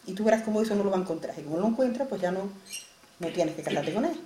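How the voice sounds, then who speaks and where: A woman's voice: mid-range voice, animated, mellow, reverberant, a little hiss or hum, natural voice. A woman voicing a bossy, resourceful neighbor who scolds and reassures in a folk tale. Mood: excited. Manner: scolding, coaxing, quick reassurance.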